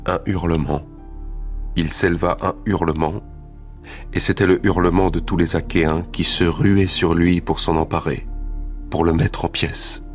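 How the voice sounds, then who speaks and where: Grave Greek warrior, deep low voice, measured telling, radio drama. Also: male voice, fairly even intonation, soft background music. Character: Greek warrior recounting his fight. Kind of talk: scripted literary narration.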